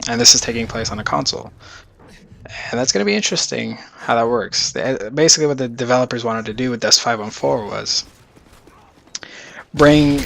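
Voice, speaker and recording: A man's voice: medium pitch, vocal fry, bright, forceful tone, a little hiss or hum. A man rambling casually through his video game predictions in a vlog. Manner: rambling, loose and chatty. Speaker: gaming YouTuber.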